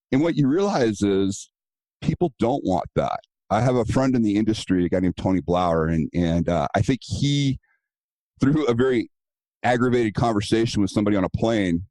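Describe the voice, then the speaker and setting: A man with a low, warm, relaxed voice speaks as an interview guest. He tells stories in a casual, earnest way and acts out the other people's lines as he goes. The sound is dry, with no room around it. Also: dry recording, poor audio. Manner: storytelling, acting out quoted dialogue; earnest, advice-giving. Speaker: guest, self-defense business owner.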